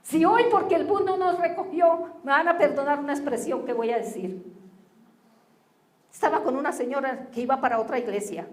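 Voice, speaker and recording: A woman pastor delivers a sermon in a high voice, pressing her listeners with rhetorical questions. Her voice rings through a roomy church. She addresses the congregation directly as she preaches. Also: moderate pace.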